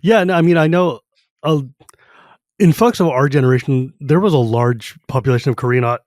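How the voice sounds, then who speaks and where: Here the San Jose podcast host, a man in his thirties, sounds fairly high-pitched, brisk and darkish in tone. He rambles through a casual chat full of filler words and quick laughs, and the clean studio sound has no room echo.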